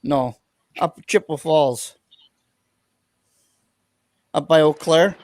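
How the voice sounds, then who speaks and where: A man speaking in slow, brief replies as a guest on a livestream. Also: fairly high pitch, a little mellow, no room sound.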